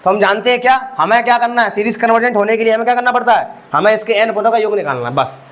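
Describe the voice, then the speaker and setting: A man's voice: high-pitched, racing, fairly bright tone. A young man teaching maths, walking students through each step with rhetorical questions and calling them bhai sahab. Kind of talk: exam-prep lecture.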